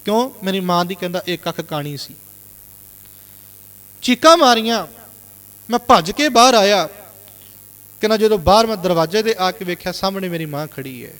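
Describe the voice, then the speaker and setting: A man's voice: sits high, expressive, normal speed, long pauses, a bit bright, in a large hall. A male Sikh preacher from Punjab telling a moral story in a sermon, constantly retelling what others said. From Punjab, India. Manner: retells reported speech with constant "he said" tags.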